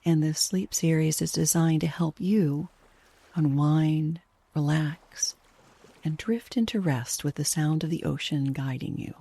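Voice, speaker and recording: Gently and soothingly, a woman narrates a guided sleep meditation in a soft, breathy, hushed voice, never hurrying. Her voice is low and the recording has no echo.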